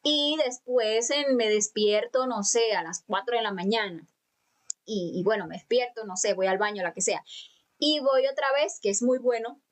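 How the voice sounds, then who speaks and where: A woman teaching a live online lecture, speaking calmly and patiently to students and stretching out chanted syllables. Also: fairly high pitch. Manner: calm, patient instruction with drawn-out chanted syllables; speaks directly to students, many fillers and restarts. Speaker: spiritual teacher. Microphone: computer mic for video conference.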